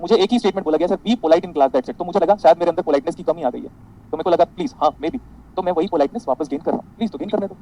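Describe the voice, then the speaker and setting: A man's voice: on the high side, very fast, mellow, poor audio. A man teaching an engineering class online, mixing Hindi and English, with a sarcastic, exaggeratedly polite manner.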